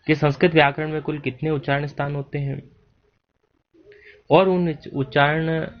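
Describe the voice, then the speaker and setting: Male teacher, slow and deliberate, slightly higher voice, dull lo-fi recording, spells out sounds in a Sanskrit grammar lesson.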